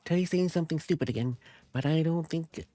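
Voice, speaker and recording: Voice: medium pitch, a little fast, warm tone, no echo, faint music behind. A streamer reading game narration aloud and breaking off into giggly, chatty asides. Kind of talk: reading a visual novel aloud with commentary.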